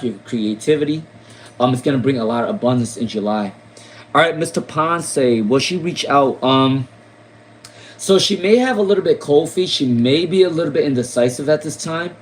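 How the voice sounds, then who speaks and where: A man's voice: mid-range voice, slight background noise, rough recording. A man from Rhode Island giving casual tarot readings on a live stream, repeating names and questions with many fillers. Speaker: tarot reader.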